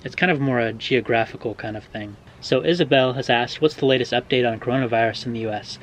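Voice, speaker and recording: A young American man from Oregon casually answering viewer questions in a vlog, relaxed and hedging with frequent ums and uhs. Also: mid-range voice, fast talker, poor audio. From Oregon, USA. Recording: faint background noise.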